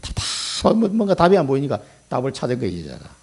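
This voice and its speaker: A middle-aged male pastor preaching a sermon in an emphatic, folksy way, swinging between loud and soft. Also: medium pitch, wildly swooping pitch, fast talker, vocal fry, slightly rough.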